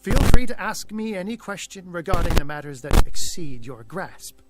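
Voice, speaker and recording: An actor playing an aloof male occultist in a video game, speaking in a haughty, measured and condescending way. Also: sits high, animated. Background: game music.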